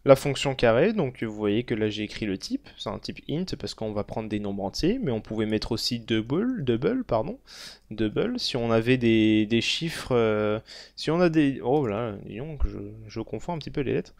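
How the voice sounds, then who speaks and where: Halting young man explaining code. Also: medium pitch, lively intonation, gravelly, a little mellow, no room sound. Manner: halting, many fillers and self-corrections. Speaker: programming tutor. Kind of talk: screen-recorded coding tutorial.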